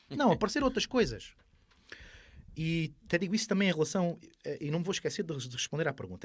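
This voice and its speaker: A man's voice: on the high side, husky, no room sound, clean studio sound. A man in his thirties with an Alentejo Portuguese accent, talking casually as a podcast guest and explaining things colloquially with examples. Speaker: podcast guest, sport shooter. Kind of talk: casual interview talk. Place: small foam-padded podcast studio. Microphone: close studio podcast microphone.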